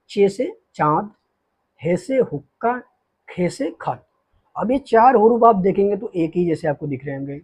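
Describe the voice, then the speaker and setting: A man teaching the alphabet to beginners in a patient, repetitive way, slowing down to spell out each letter. His voice sits high for a man but sounds mellow and slightly husky. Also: poor audio. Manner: patient, repeats and checks with "okay". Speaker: Urdu teacher.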